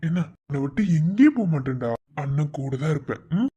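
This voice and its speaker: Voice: mid-range voice, sing-song, fairly quick, warm tone, husky, dull audio. A performer voicing a loving elder brother in a cartoon, tenderly soothing his sister.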